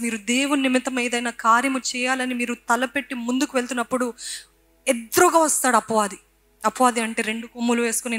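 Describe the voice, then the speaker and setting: A woman's voice: fairly high pitch, a bit bright. A woman with a Telugu accent preaching a sermon, emphatic and repetitive, switching between Telugu and English lines. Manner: emphatic, repeating phrases, mixing in English lines.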